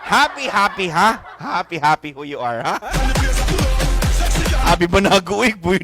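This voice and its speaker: A man hosting an online variety show, reading greetings and shout-outs in a jokey, chatty way. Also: high-pitched, expressive, unhurried. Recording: loud background music.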